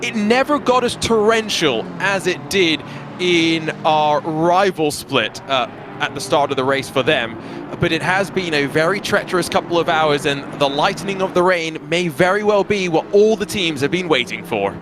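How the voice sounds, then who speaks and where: A man's voice: a little high, expressive, normal speed, noisy background. A man giving live commentary on a racing event as part of a broadcast team. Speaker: motorsport commentator.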